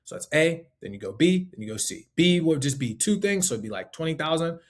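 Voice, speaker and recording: A man's voice: fairly high pitch, very animated, a little fast. A man teaching life insurance sales in a loose, conversational way, full of fillers and tag questions. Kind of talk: casual instructional talk.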